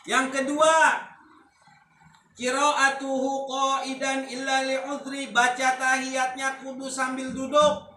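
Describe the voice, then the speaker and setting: A man teaching a casual religious lesson, joking and dropping into Arabic recitation with slangy asides. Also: very high-pitched. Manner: relaxed, joking, mixes Arabic recitation with Jakarta-style slang. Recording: echoey room, distant mic, faint noise.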